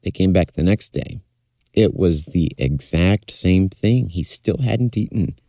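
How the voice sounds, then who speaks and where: A man's voice: low-pitched, unhurried, warm tone, no echo. A man telling a folktale in a fireside storytelling style, as narrator. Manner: acts out characters' dialogue.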